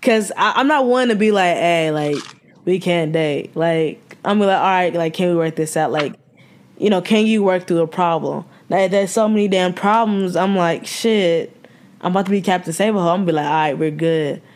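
A young woman from the American South with a Southern accent, co-hosting a casual podcast from home, talking frankly with cursing and quick restarts. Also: fairly low pitch, slight background noise. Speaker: podcast co-host. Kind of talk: casual chat. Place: home room, remote recording.

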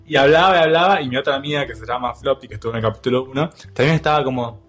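A young man with an Argentine accent telling a story in casual chat, animated and quick to laugh. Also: mid-range voice. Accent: Argentine Spanish. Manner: animated, laughs often, acts out quotes.

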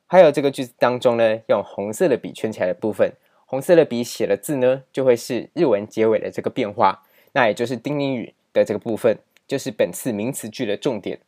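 A language teacher, male, gives a patient grammar lesson alongside slides, going over main points again and leaning on filler particles. His mid-range voice has a darkish tone, and his delivery is brisk.

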